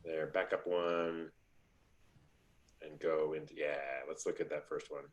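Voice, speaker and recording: A man moderating a casual video-call talkback, upbeat and joking as he asks quick questions. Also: very deep voice, flat delivery.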